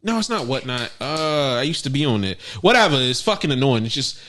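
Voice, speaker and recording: A young man co-hosting a podcast, chatting casually with animated, profane storytelling. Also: fairly quick, slight background noise. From United States. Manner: animated, profane, bursts into high exclamations. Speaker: podcast co-host. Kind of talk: casual chat.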